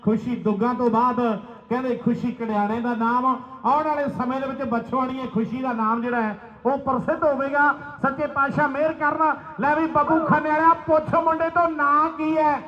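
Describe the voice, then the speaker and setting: A man giving excited live kabaddi commentary, repeating players' names and phrases. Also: extremely high pitch, a little fast, echoey room, highs cut off. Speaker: kabaddi match commentator and announcer. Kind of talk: live rural sports commentary. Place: outdoor village sports ground.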